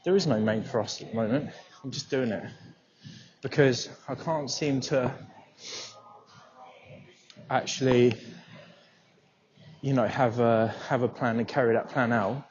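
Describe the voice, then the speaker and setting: A man's voice: medium pitch, unhurried, long pauses, a little mellow. A man with a cold-blocked nose, casually rambling and swearing as he talks to himself for his podcast while walking outdoors. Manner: sweary, self-deprecating, rambling. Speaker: podcast host. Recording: muffled outdoor recording with faint noise.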